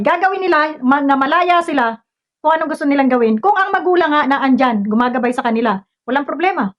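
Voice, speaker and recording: A woman ranting at a commenter, scolding and confrontational, firing off rhetorical questions. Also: sits high. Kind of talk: heated commentary rant. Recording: dull lo-fi recording.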